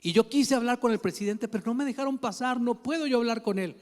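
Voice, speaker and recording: A man's voice: very high-pitched, fast talker, long reverb tail, voice pushed up. A man voicing a tearful, pleading soldier. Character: tearful desperate adult soldier.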